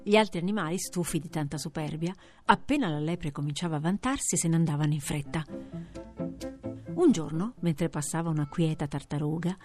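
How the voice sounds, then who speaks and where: A woman reading a children's fable aloud, with expressive, lively storytelling. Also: sits low, fairly quick, music in the background. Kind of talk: fairy tale reading for children.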